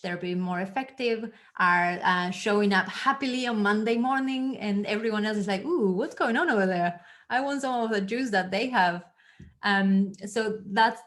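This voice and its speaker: Chatty woman trainer on a call. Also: medium pitch. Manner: chatty and playful, with light asides. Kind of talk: casual explanation on a group call. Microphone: video call.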